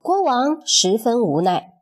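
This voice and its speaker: Expressive woman telling a children's story. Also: a little high, slow, slightly rough.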